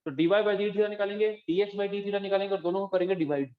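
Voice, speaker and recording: A male math teacher gives a calculus lecture, speaking in a high, steady voice at a quick pace. He walks the class through each step and keeps asking whether students are following. The echoey room gives the recording a dull, lo-fi sound.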